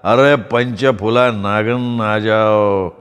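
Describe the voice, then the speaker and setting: A man voicing a drunk male snake charmer who drawls his words slowly and slurred. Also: fairly low pitch, steady tone, a bit bright, smooth, pitched below the performer's own voice. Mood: slurring taunts. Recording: long reverb.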